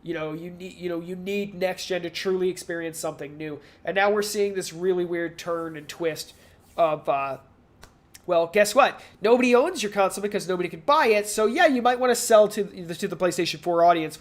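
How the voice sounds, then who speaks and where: Casual video game industry talk comes from a man co-hosting a podcast, his fairly high voice brisk. He rambles through his thoughts as he analyzes and drops into mock quotes along the way.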